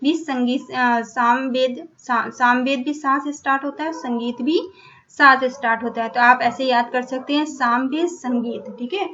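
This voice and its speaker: A woman's voice: high-pitched, fairly bright tone. A woman teaching an exam-prep lecture, repeating each point, asking and then answering her own questions. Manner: repetitive, checks in with "ठीक है", asks and answers her own questions. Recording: dull lo-fi recording.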